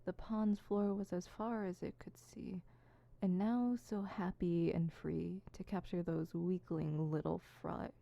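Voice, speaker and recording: Grandiose and brooding, a woman voices an insecure, theatrical supervillain running through monologues in a scripted solo ASMR audio drama. She alternates fumbling, self-conscious muttering with bursts of pompous verse. Her lowish voice is warm and steady, with vocal fry and an unhurried pace.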